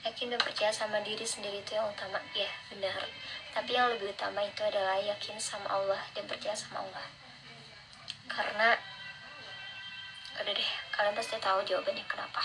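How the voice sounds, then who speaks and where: A young adult woman with a soft r that slurs toward w, reading out motivational religious lines and commenting on them in an earnest, encouraging, casual way. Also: mid-range voice, flat delivery, a little fast, long pauses, rough recording. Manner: slurred r sounds, close to w. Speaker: vlogger. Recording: instrumental music behind the voice. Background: instrumental music.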